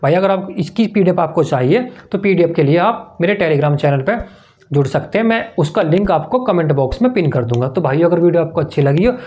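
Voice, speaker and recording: High-voiced man quizzing himself in a lesson. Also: animated, a little fast, darkish tone. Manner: sing-song quizzing, asks and answers himself. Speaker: exam-prep teacher. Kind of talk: mnemonic lesson to camera.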